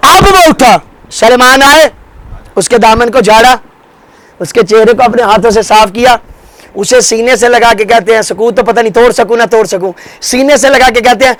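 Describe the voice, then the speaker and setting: A man preaching a religious sermon at a mourning gathering, impassioned, swearing oaths and piling up rhetorical questions, swinging between loud rises and hushed drops. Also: extremely high pitch, no room sound, rough recording. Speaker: majlis preacher.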